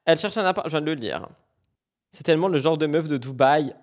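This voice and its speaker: A woman hosting a live stream, commenting with animated, mocking and exaggerated reactions. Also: low voice, quick pace. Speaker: streamer host.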